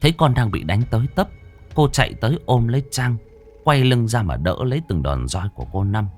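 A man narrating a horror story in a dramatic, expressive storytelling manner. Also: mid-range voice, fairly quick, soft background music.

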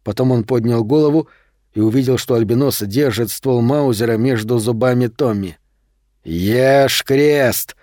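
A man narrating a horror novel as an audiobook, in a steady, measured reading. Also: mid-range voice, no echo, studio quality.

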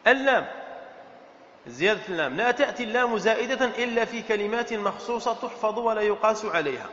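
A man's voice: high voice, fairly bright tone. A man, a sheikh, teaching a classroom lesson on Arabic morphology, quizzing students with questions and repeating key points. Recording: echoey, dull lecture-hall recording.

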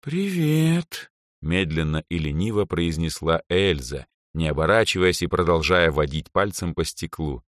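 A man narrating a fantasy audiobook in an expressive storytelling manner. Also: very deep voice, moderate pace, hardly any pauses, no echo, clean studio sound. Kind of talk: scripted narration.

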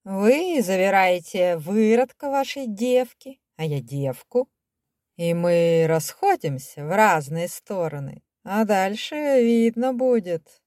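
A sneering, menacing German baron, put on by a woman narrator in a storybook reading. The voice sits at an ordinary pitch with a dry, close sound. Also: expressive, slow pace, mellow, dry recording. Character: cruel scheming German baron, adult man.

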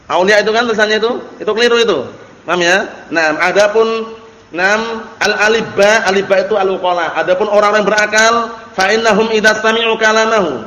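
A man's voice: sits high, sharp tone. A man teaching a religious book, reading Arabic passages and explaining them with many repetitions. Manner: explains slowly, repeats phrases, reads Arabic then translates. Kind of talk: Islamic study lecture. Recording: echoey hall recording.

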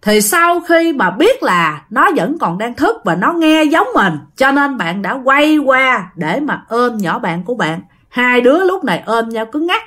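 A woman with a Southern Vietnamese accent tells a ghost story in a relaxed, conversational way, often turning to speak directly to her listeners. Her voice sits a little high and swoops up and down with lively, animated pitch as she narrates. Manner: chatty, addresses listeners directly.

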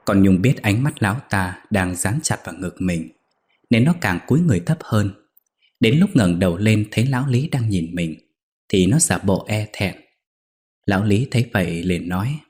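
A man reading a ghost story aloud in a steady, measured way. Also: fairly low pitch.

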